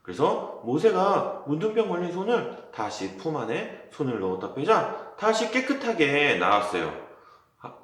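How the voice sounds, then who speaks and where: A man's voice: a little high, big pitch swings, unhurried, fairly bright tone. A man giving a children's sermon, telling a Bible story in a friendly way and asking the children questions. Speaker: children's pastor. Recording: very echoey room.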